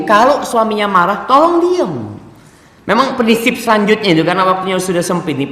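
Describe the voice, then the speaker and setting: A man preaching a dawn sermon, telling stories animatedly, jumping from loud high exclamations to hushed low narration. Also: a little hiss or hum. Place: mosque. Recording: echoey mosque hall with long reverb.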